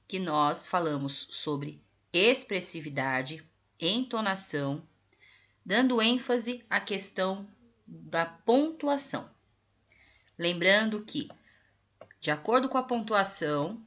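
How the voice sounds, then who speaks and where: A woman teacher with a Brazilian Portuguese accent talks her pupils through textbook answers slowly and deliberately, leaning on each phrase. Her voice is bright and clear. The recording sounds dull and lo-fi. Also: mid-range voice. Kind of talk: correcting textbook exercises for pupils.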